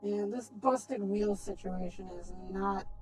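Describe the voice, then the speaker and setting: A man's voice: high-pitched, slow, soft background music, voice pushed up, rough recording. A man streaming a video game through a voice changer that makes him sound like a woman, chatting casually in a dry, self-deprecating way. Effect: voice changer making him sound like a woman. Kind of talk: casual live-stream chat.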